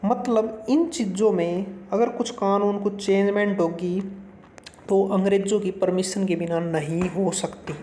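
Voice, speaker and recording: A man's voice: high voice, fairly even intonation, a little slow, warm tone. A man teaching an exam-prep lesson in a casual, chatty, folksy way, mixing in English terms and calling the viewer brother. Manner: mixes Hindi with English terms. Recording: roomy echo.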